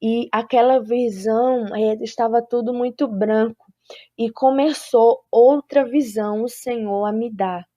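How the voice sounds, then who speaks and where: Woman, fairly high voice, solemn testimony, very slow, dry close sound. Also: steady tone, mellow, no echo, highs cut off. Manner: solemn, deliberate storytelling. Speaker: person giving a testimony. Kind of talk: religious testimony of a vision.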